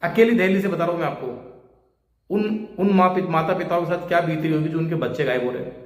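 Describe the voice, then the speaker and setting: Guy going off in an urgent rant, kinda high voice, echoey room. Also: fast talker. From India. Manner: urgent, pleading, rhetorical appeals. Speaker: social media creator. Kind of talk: impassioned monologue to camera. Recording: echoey room with long reverb.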